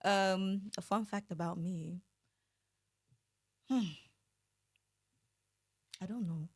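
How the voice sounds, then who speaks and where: A young woman chats as a podcast guest. She sounds bubbly and breaks into giggles often. Her voice sits at a middle pitch. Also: drawn-out words. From Cameroon. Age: 20s. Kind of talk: casual chat.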